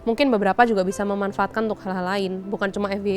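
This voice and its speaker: A woman's voice: mid-range voice, steady tone, fast, darkish tone. A twenty-six-year-old woman, a doctor, speaking in a polite, careful way. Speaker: panel guest, doctor. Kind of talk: casual discussion.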